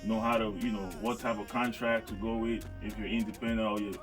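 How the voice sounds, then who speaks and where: Laid-back low-voiced man from Cameroon. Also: fairly quick, recorded from a distance, music in the background. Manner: relaxed, rambling storytelling with fillers. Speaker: guest rapper. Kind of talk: casual interview chat.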